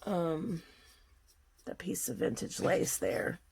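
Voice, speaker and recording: A woman's voice: fairly low pitch, expressive, slow, gravelly, a little mellow, breathy edge. A woman from Kentucky with a Southern accent, chatting casually and rambling folksily as she walks through a craft project at her home work table. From Kentucky, USA. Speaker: craft vlogger. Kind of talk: casual crafting tutorial chat.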